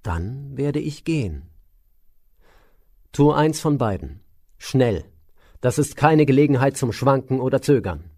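A man voicing a stern, impatient old sage who speaks in a sharp, commanding way. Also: medium pitch, animated, a little slow.

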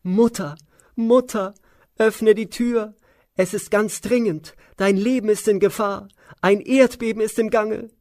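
A man's voice: high voice, steady tone, a little slow, darkish tone, no echo, clean studio sound, voice pushed up. A man voicing a scheming old maidservant, shrieking and wailing in alarm. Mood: frantic alarm.

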